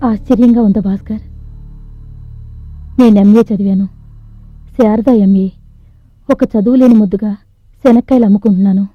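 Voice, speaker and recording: A woman's voice: medium pitch, steady tone, normal speed, pauses often, breathy edge, faint music behind, close to an everyday voice. A woman playing an educated but bitterly resigned street seller in a Telugu film drama, on a dull soundtrack. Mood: bitter resignation.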